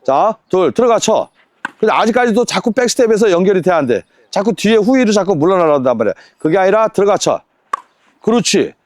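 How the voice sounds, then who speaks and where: A man coaching a tennis lesson on court, counting drills and firing quick rhetorical questions at his student. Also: high-pitched, very animated, a little mellow, dry recording, clean studio sound.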